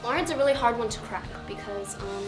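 A woman's voice: a little high, fairly quick, over loud music. A giggly young woman, a taiko club officer, chatting in an echoey room.

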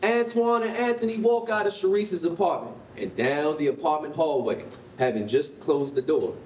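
An American man with a voice on the high side reads stage directions as narrator for a staged reading, at a normal speed. The distant mic picks up a roomy concrete-walled rehearsal hall and faint noise.

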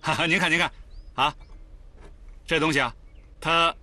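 An actor playing a sly traveling quack doctor in a period TV drama, fawning and evasive. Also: male voice, on the high side, steady tone, moderate pace, pushed and bright, dry recording.

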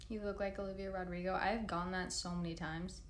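A woman's voice: fairly low pitch, steady tone, quick pace, reverberant, a little hiss or hum. A woman in her twenties hosting a casual livestream, answering comments in a laid-back, chatty way with frequent swearing, recorded on a phone at arm's length in a plain room. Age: 20s. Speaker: livestream host. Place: large plain room indoors. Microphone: phone camera at arm's length.

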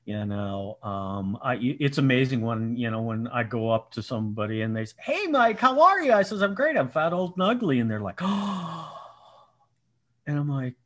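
A man in his sixties from Colorado, nasal-voiced, speaks at normal speed with a medium, sing-song, fairly bright voice. As a business owner guesting on a podcast, he chats casually over a headset video call from a home room indoors, laughing often at his self-mocking stories.

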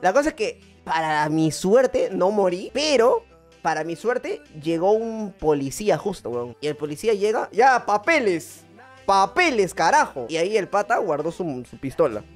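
A Peruvian man on a stream tells an anecdote in loose, animated slang. His pitch swings a lot, and faint music plays underneath. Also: normal speed. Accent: Peruvian Spanish. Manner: animated, slangy, acts out voices. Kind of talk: casual storytelling.

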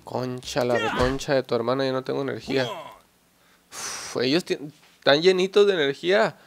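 A young man giving excited, joking gameplay commentary and swearing at his opponents. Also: mid-range voice, moderate pace, creaky, noisy background. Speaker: gameplay channel host.

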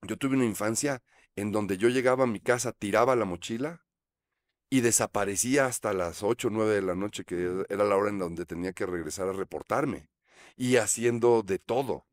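The guest, a Mexican actor from Mexico City in his fifties, tells reflective stories at a moderate pace in a low voice with a Mexican Spanish accent. Fillers come often, and he gestures as he speaks. His close boom-arm studio mic on a small set picks up no echo.

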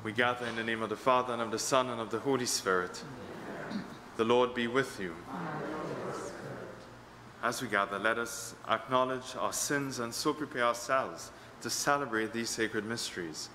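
A man leading Mass as priest, reciting set prayers in a measured, solemn way, his voice ringing with cathedral echo. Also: mid-range voice. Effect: cathedral echo, long church reverberation. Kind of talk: liturgical recitation. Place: large church. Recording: echoey church hall with ambient noise.

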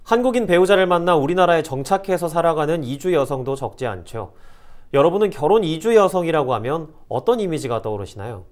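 A man's voice: on the high side, animated, brisk. A man anchor presenting scripted news in a television studio.

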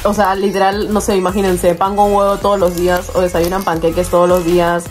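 A young woman chatting casually as she unboxes toys, excitable, often squealing over cute little figures. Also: fairly low pitch, a little fast, faint music behind. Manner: chatty, uses many diminutives. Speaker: toy collector vlogger.

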